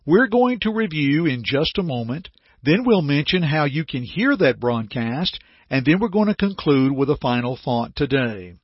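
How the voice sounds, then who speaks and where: A man hosting a radio Bible study, speaking in a dense radio broadcast voice with a steady, earnest preaching delivery. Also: fairly high pitch, normal speed, slightly rough, no room sound. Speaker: radio Bible program host. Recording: dry, slightly dull radio studio sound.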